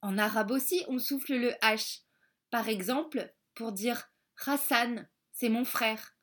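Slow, gentle woman reading a storybook. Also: a little high. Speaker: storybook reader. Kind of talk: children's storybook narration in the first person of a schoolgirl.

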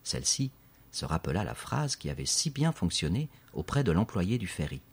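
This is a man reading a children's story at an ordinary speed, his steady, expressive narration paced like that of a seasoned audiobook reader. His voice is very deep, with a breathy, husky quality.

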